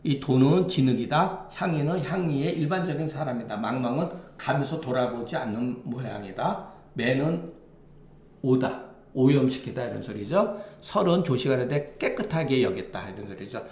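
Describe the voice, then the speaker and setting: A man's voice: medium pitch, lively intonation, moderate pace, darkish tone, echoey room. A man lecturing on a classical Chinese text, reading lines aloud and then glossing them plainly, with frequent affirming asides. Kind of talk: explaining a classical text line by line.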